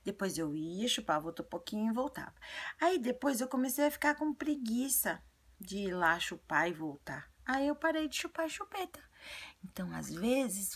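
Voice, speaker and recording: A woman voicing an earnest, chatty little girl who tells childlike stories and gives advice in a breathy, often half-whispered voice. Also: mid-range voice. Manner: childlike storytelling, repetitive. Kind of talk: video monologue in character.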